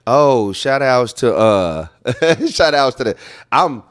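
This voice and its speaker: A man's voice: medium pitch, very animated, slow pace, smooth. A man from Zimbabwe co-hosting a podcast, talking in a laid-back, casual way, often repeating himself and using fillers. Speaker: podcast co-host.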